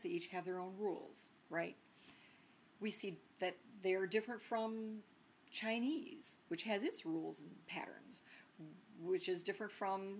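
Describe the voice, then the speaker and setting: A woman's voice: mid-range voice, slight background noise. A woman from the northern United States teaching a sociolinguistics lesson in a conversational lecture style, with many fillers and tag questions. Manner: conversational, frequent "right?" and "um" fillers.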